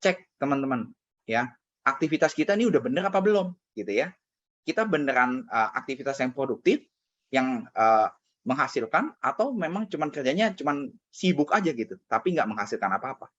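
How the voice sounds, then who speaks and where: Husky casual motivational speaker man. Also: medium pitch, sing-song, brisk, fairly bright tone. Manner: casual, conversational, frequent fillers. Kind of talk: motivational talk with personal story. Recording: dull lo-fi recording.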